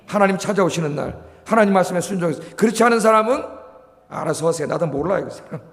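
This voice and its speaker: High-voiced Korean pastor preaching in a church hall. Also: male voice. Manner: exhorting, rhetorical questions, frequent "예?" prompts. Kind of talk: sermon. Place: church sanctuary. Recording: long hall reverb.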